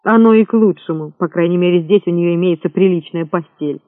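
A man's voice: sits high, brisk, dry recording, close to an everyday voice. A man voicing a brash, insolent young rogue who talks in a mocking, boastful way. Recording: thin phone-like sound, dry.

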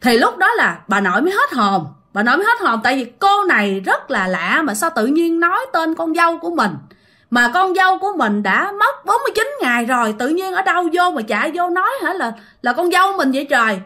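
A woman's voice: extremely high pitch, very animated, brisk, sharp tone. A woman with a Southern Vietnamese accent telling a ghost story in a chatty way, often speaking straight to her listeners. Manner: chatty, addresses listeners directly.

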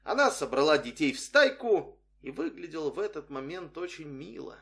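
Male narrator, humorous story, scripted reading, dry wry delivery, lively pitch movement. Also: moderate pace, gravelly. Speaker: audiobook reader.

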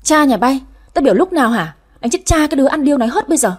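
A woman's voice: high voice, expressive, pitched above the performer's own voice. A woman playing a harsh scolding mistress. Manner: scolding, harsh, rapid-fire. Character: quick-tempered older mistress of house.

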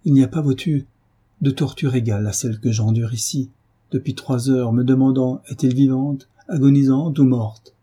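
A man's voice: mid-range voice, unhurried, warm tone, slightly rough. A man voicing a young man desperate with love, his speech pleading and breaking with emotion.

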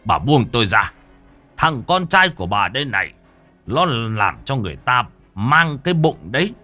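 A man voicing a furious middle-aged male theater owner who shouts and curses at his son and wife. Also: mid-range voice, very animated, moderate pace, soft background music, voice pushed up. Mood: scornful. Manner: shouting, cursing, scornful.

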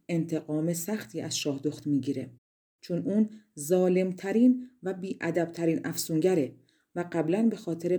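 A woman from Iran narrating a fairy tale audiobook in a measured storytelling manner. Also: fairly low pitch, mellow.

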